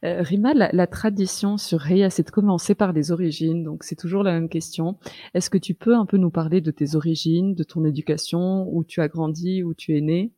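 A woman's voice: lowish voice, fairly even intonation, moderate pace, warm tone, dry recording. A woman hosting a podcast, asking her guest open questions with curiosity. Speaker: podcast host. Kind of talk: interview questions.

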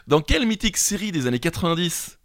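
Playful French quiz host. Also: male voice, a little high, sing-song, fast, a bit bright, no room sound, clean studio sound. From France. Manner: playful, laughs easily, reads questions. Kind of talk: casual quiz banter.

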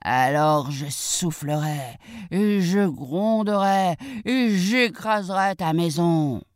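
Woman doing a slow, sly storybook wolf. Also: on the low side, animated, a little mellow, clean tone, no echo, studio quality. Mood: menacing. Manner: slow drawn-out coaxing delivery. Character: sly menacing big bad wolf, drawling and hungry.

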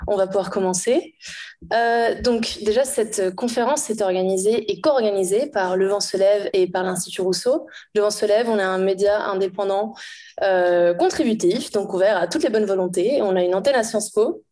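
A woman's voice: medium pitch, moderate pace, mellow. A woman moderating a conference, formally introducing the event and its speakers.

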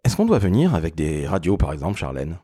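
A man's voice: low-pitched, huge pitch swings, fast, mellow, breathy edge, no echo, clean studio sound. A man hosting a podcast, talking emphatically and introducing his guests with big words. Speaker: podcast host.

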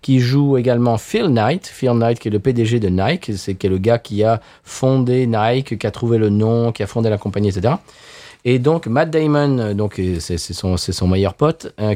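A man's voice: mid-range voice, dark tone. Rambling French man chatting. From France. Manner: rambling, many restarts and fillers. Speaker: podcast co-host. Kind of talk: casual chat.

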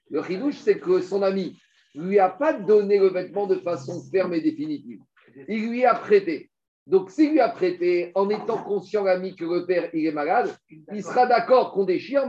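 Guy teaching talmud in w/ words, kinda high voice, lots of rhetorical questions, dull lo-fi sound. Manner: explains step by step, rhetorical questions, animated. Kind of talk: Talmud study class. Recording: dull lo-fi recording.

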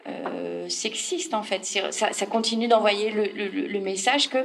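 A woman's voice: medium pitch, unhurried. A woman panel speaker explaining her views emphatically in an unscripted political discussion.

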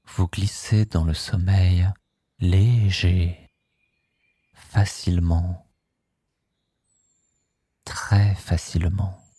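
A man guiding a sleep hypnosis session, speaking in a slow, soothing, hushed way. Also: sits low, no room sound, studio quality.

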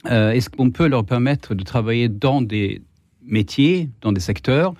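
A man's voice: mid-range voice, unhurried, a little mellow, dry recording. A man with a Swedish accent speaking as a guest on a political debate panel, hesitant, stumbling over repeated words and restarts. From Sweden.

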